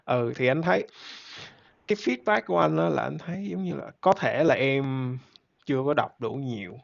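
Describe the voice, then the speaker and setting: A laid-back man, chatting casually on a podcast in a gravelly voice with a bit of vocal fry. He rambles easily and laughs often. The recording sounds somewhat dull and lo-fi. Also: mid-range voice, expressive, moderate pace. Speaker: podcast host. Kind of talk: casual chat.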